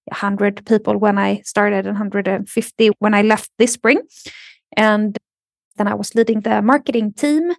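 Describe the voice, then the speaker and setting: A woman from Sweden speaking English with a Swedish accent as a podcast guest, explaining in a measured way with soft fillers. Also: medium pitch, gravelly, no room sound, studio quality. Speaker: guest, marketing executive. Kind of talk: podcast interview.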